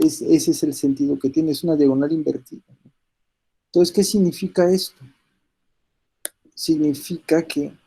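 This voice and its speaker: A man's voice: a little high, vocal fry, warm tone, low-quality recording. A man with a slight cold, teaching a math class step by step and constantly checking in with his students. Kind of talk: recorded class lecture.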